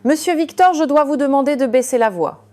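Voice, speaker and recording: A woman's voice: mid-range voice, steady tone, a little fast, mellow, close to an everyday voice. Story role: formal head waiter, firm and stern, voiced by a woman narrator.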